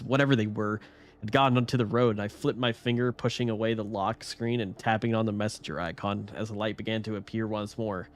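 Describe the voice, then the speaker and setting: A man streaming himself reading a horror story aloud in a casual way, often stumbling and restarting his sentences. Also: lowish voice.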